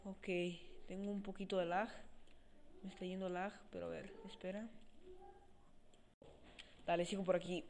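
A man giving let's play commentary at home, excitable, swearing often and talking to himself as he plays, his voice a bit quiet on a cheap desk mic. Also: sits high, moderate pace, vocal fry, pauses often, slight background noise. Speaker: gaming channel host. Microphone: cheap desk mic without a stand, voice comes out quiet.

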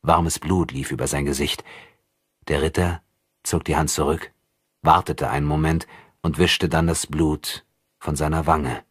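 A man narrating an audiobook in a measured, even storytelling manner on a close studio mic. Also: extremely low pitch, breathy edge, dry recording. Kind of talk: scripted narration.

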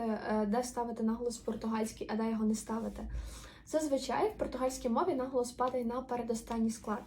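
A woman teaching a language lesson, explaining patiently and drawing out example words slowly. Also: fairly high pitch, dark tone, slight background noise.

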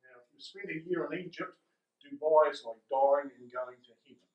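Older kiwi guy giving a chatty conference talk, broad nz accent, fairly high voice, roomy echo. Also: moderate pace, muffled recording. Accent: New Zealand. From New Zealand. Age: older, around 60s. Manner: conversational, self-deprecating. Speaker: conference speaker, school principal. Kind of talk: informal conference presentation. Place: indoor conference room, standing before a small audience. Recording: roomy, echoing conference room.

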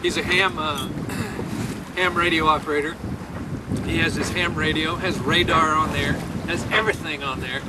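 An older man chatting casually in a home video aboard a sailboat, relaxed and halting with fillers. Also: fairly high pitch. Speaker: boat owner filming a home video. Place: outdoors on a sailboat on a lake. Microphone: camcorder microphone. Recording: camcorder audio with heavy wind noise. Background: loud wind on the microphone.

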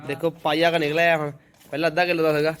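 A man's voice: a little high, level tone, racing, fairly bright tone. A man with a Punjabi accent giving casual, exclamatory running commentary for his vlog. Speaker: vlogger.

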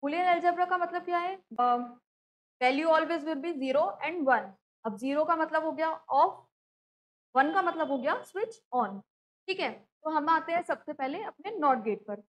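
Female teacher, high voice, patient step-by-step classroom explanation. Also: animated, moderate pace, rough recording. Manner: explanatory, asks and answers own questions, frequent "theek hai".

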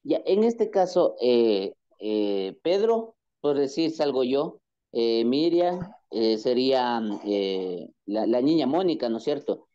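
A man student asking his teacher a hesitant question, with many pauses. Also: mid-range voice, expressive, warm tone, highs cut off. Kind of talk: asking questions in a class call.

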